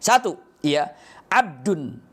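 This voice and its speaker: A male preacher telling a story in a sermon, acting out the characters' lines with lively shifts. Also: high voice, slow pace.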